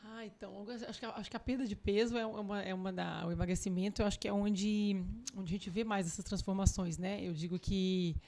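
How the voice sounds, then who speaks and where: A woman cardiologist talking as a podcast guest, animated and emphatic, often acting out conversations with her children. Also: mid-range voice. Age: adult with young children. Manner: animated, acts out family dialogue; quick, emphatic explaining. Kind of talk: podcast interview talk.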